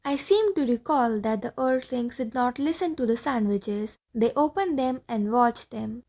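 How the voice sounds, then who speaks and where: A woman's voice: a little high, expressive, measured pace, darkish tone. A woman reading the part of a fussy, deferential Martian assistant in an audiobook play.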